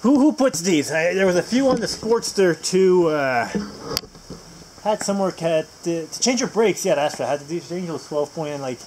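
A man's voice: fairly high pitch, lively intonation, moderate pace, noisy background. A man hosting a casual video while working on a vehicle at home, rambling with many filler words and dry, self-mocking humor. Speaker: host. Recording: crickets and insects chirping loudly behind.

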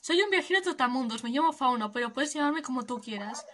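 A woman reads aloud as a laid-back hippie wanderer, friendly and dreamy. His talk rambles along with a playful lilt. The voice sits high, as in a cozy video game. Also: lively intonation, fairly quick, fairly bright tone, a little hiss or hum. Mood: easygoing.

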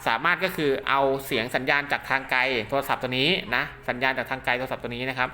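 A man gives an informal, hands-on demonstration of equipment. His voice is bright and forward, and he talks quickly, circling back over points with frequent polite tags. Some noise sits behind the voice. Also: mid-range voice, steady tone. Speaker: product demonstrator and maker of radio link cables. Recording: clear background noise.

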